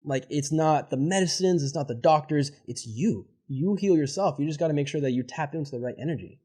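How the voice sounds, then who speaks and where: Fast-talking, fervent man as podcast guest. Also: on the high side, mellow, breathy edge. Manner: fervent, casual, swears freely. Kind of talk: motivational interview talk.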